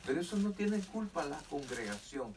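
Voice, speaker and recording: A man's voice: a little high, very animated, normal speed. A man preaching a sermon as pastor of a church, fervent with emphatic rises. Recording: distant mic with faint noise.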